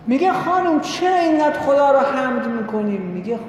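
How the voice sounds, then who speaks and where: A man preaching a sermon, telling a religious story in an animated way and voicing the people in it. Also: very high voice. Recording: echoey hall with long reverb, faint noise.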